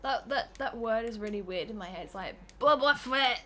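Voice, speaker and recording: A woman's voice: mid-range voice, brisk. A young woman co-commentating a let's play, chatty and teasing, often laughing. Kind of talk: casual gaming commentary.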